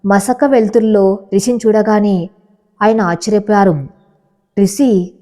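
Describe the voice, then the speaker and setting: Mellow-voiced woman narrating a story. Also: mid-range voice, steady tone, normal speed.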